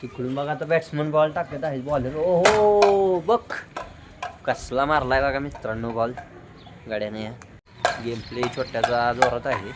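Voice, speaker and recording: A man gives excited running commentary on a game of rooftop cricket for his vlog, calling out to the kids and to his viewers. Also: medium pitch, normal speed, heavy background noise. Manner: lively, calls out to kids and viewers. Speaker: vlogger. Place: outdoor rooftop terrace.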